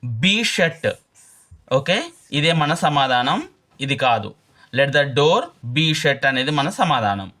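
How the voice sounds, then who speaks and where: A man teaching exam English questions, reading each question slowly and then explaining it quickly. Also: fairly high pitch, expressive, pushed and bright.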